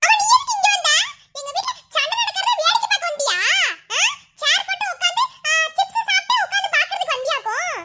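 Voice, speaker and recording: A woman voicing a sharp-tongued young village wife in a cartoon, with a Madurai Tamil accent and a mocking, laughing way of talking. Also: very high-pitched, expressive, fast talker, faint music behind, heavily acted. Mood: teasing. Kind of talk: cartoon voice acting.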